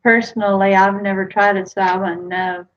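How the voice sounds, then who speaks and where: The speaker is a vlogger in her forties from the US who reads her live chat and replies to each comment in casual conversation, streaming from a small indoor room at home. Her medium-pitched voice shows little pitch movement and moves at a normal speed. A built-in webcam mic makes the audio slightly dull and lo-fi.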